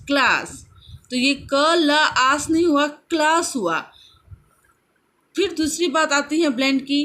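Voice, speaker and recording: A woman teaching children phonics in a mix of Hindi and English, slowly sounding out and repeating each word. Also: high-pitched, fairly bright tone. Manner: slow, drawn-out repetition of sounds and words.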